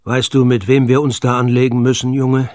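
A man voicing a fat, kindly ship captain who talks gruffly and heartily, a little higher and louder than his narration. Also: monotone, brisk, no echo, clean studio sound, lightly acted.

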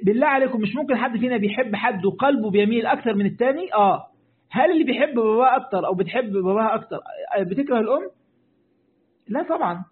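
A man's voice: very high-pitched, expressive, rapid-fire. A man with an Egyptian Arabic accent, a sheikh giving a religious lesson who speaks straight to his listeners, repeats his points and answers their questions. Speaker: sheikh teaching Quran commentary. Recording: tinny phone-like line.

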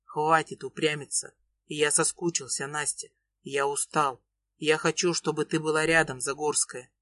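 A woman voicing a desperate young man in love, speaking in a low pleading growl. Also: little pitch movement, moderate pace, fairly bright tone, no echo. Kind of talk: audiobook reading.

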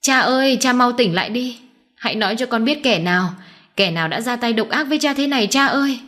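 A woman voicing a middle-aged lord of the manor who shouts orders and cries out to his stabbed father. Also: fairly high pitch, expressive, a little fast, pitched above the performer's own voice. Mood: alarmed, commanding. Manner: barking orders, anguished cries.

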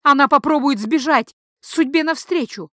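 A woman's voice: sits high, sing-song, normal speed, a bit bright, dry recording, studio quality, pitched above the performer's own voice. A woman reading a mad blind priestess in an audiobook, a flirtatious, erratic woman who swings between coy teasing and shrieked prophecy. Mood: shrieking prophecy.

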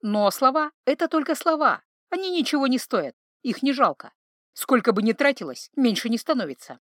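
A woman reading a novel aloud in measured, wryly expressive narration. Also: high-pitched, no echo, clean studio sound. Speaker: audiobook narrator. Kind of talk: scripted narration.

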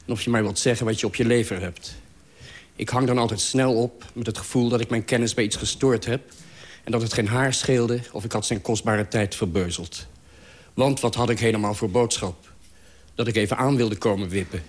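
A man's voice: fairly low pitch, brisk. A man reading out a humorous, self-mocking radio column in a dry, wry manner.

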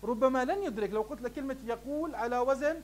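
Quick-paced and very high in pitch, a sheikh lectures his class on Arabic morphology. He questions and answers himself in turn and greets the students warmly as "beloved ones."

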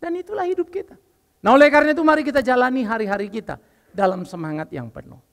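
An older man preaching a lively, joking sermon as a pastor while unwell. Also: extremely high pitch, fast talker, long reverb tail. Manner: lively and joking, mixing in English phrases. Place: church.

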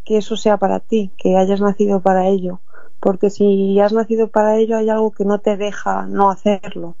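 A woman's voice: mid-range voice, vocal fry, warm tone, no echo. A young woman from Madrid, a singer-songwriter, answering interview questions in a thoughtful, hesitant way with a Madrid Spanish accent. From Madrid, Spain. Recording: dull lo-fi dry sound.

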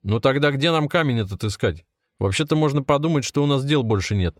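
Man voicing young city tough, furious, shouting, crude threats, higher than usual, dry close sound. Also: lively intonation, brisk, dry recording, natural voice. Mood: impatient. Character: hot-tempered young male city tough.

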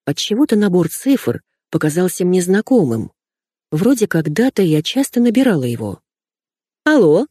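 A woman narrating a first-person audiobook in a lively, expressive reading. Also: on the low side, moderate pace, breathy edge, no echo, studio quality.

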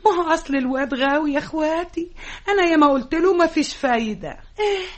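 A woman's voice: sits high, lively intonation, fast. An actress playing a fussy, pleading middle-aged mother with an Egyptian accent in a radio drama. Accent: Egyptian Arabic. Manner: chattering, pleading.

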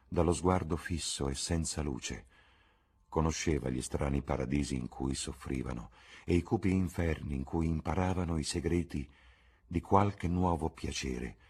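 A man reading a classic novel aloud in a slow, measured storytelling manner, as an audiobook. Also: extremely low pitch, darkish tone, breathy edge. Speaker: audiobook reader. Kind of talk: literary audiobook narration.

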